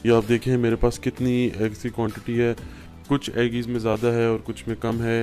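A man's voice: mid-range voice, monotone, a little fast, over music. A man from Pakistan giving a patient step-by-step farming tutorial at a work table indoors. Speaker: farming instructor. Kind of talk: home how-to tutorial.

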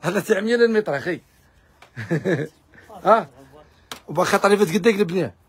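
Algerian man, high voice, husky, rapid pushy sales pitch. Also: lively intonation. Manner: rapid, pushy hawking to viewers. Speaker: fabric shop seller. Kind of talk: live sales pitch video.

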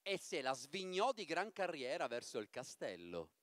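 Animated man reading a fairy tale. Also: fairly high pitch, normal speed, no echo, studio quality. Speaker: actor reading aloud. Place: church.

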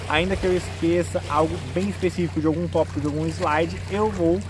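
In a sunny, park-like spot outdoors, a man in his twenties with a Brazilian accent gives nutrition advice as a vlogger, explaining things informally to camera. His voice is a little high and steady in tone, and he talks a little fast. The outdoor recording is noisy, with clear background noise.

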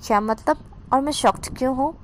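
A woman's voice: high-pitched, a little fast, slight background noise, close to an everyday voice. A woman voicing a playful, shy young man who hesitates and stammers at times. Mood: defensive.

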